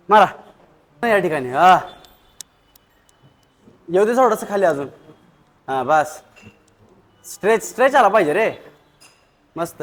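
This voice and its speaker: A man vlogging at the gym, energetically urging a friend through reps and counting sets. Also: a little high. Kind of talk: casual gym vlog coaching. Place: gym indoors.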